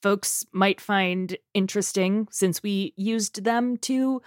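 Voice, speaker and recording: A woman's voice: mid-range voice, takes it slowly, dry recording, clean studio sound. A woman co-hosting a podcast, chatting casually as she signs off, rambling and restarting her sentences. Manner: rambling, self-interrupting, laughing easily. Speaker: podcast co-host. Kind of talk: casual podcast sign-off chat.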